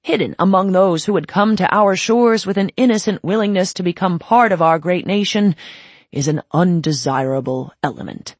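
A woman's voice: lowish voice, moderate pace, breathy edge, no echo. A woman voicing a pompous older male secret-society leader giving a well-worn, droning speech. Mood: declaiming.

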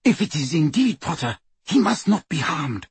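A man voicing a ruthless, frantic dark witch in an audiobook, shrill and imperious. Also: sing-song, a little slow, gravelly, breathy edge, dry recording, exaggerated voice. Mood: grim, menacing. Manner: shrill, imperious, screaming and hissing.

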